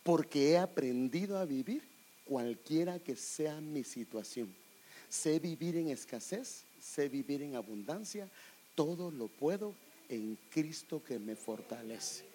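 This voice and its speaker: A man's voice: a little high, slow, slight background noise. A middle-aged man with a Guatemalan Spanish accent preaching a personal testimony, calling his listeners brother. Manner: animated, addresses listeners as brother. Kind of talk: testimony sermon.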